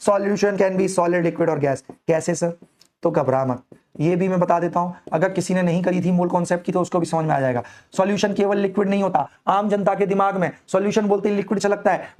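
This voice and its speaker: A man teaching chemistry, talking playfully and animatedly, calling the student his child and answering his own questions. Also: on the high side. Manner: animated, playful, addresses student as "beta", plays both sides. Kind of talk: online chemistry lecture.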